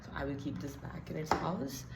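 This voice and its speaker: Low-voiced woman chatting in echoey room. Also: lively intonation, moderate pace, gravelly, heavy background noise. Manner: chatty, thinking aloud, self-deprecating. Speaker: beauty vlogger. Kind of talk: casual get-ready-with-me chat.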